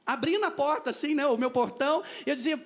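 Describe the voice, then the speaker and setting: Brazilian guy telling his testimony at church, talks really fast, acts out the quotes. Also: very high voice. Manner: vivid storytelling, acting out quoted dialogue. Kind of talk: personal testimony. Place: parish church.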